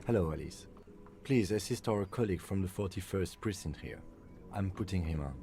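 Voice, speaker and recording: An actor voicing a calm, formal police lieutenant in a game. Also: male voice, sits low, background noise. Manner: measured and formal.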